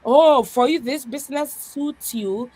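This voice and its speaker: A high-voiced woman with a dark tone speaks at a measured pace. She is a pastor and podcast guest in a reflective conversation, earnest and strong-voiced, regularly dropping in "yeah."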